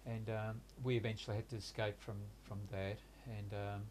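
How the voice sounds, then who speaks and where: An interviewee in his sixties looks back on his life in a reflective conversation. He comes from Hungary, grew up in Australia, and his first language is Hungarian. His fairly low voice is flat and even, halting and hesitant with frequent pauses and restarts, and there is slight background noise.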